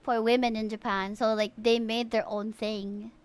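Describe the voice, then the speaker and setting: Chatting informally and openly with her audience during a video game stream, this young woman from the Philippines speaks at a moderate pace. Her voice is on the high side, level in tone, clear and resonant.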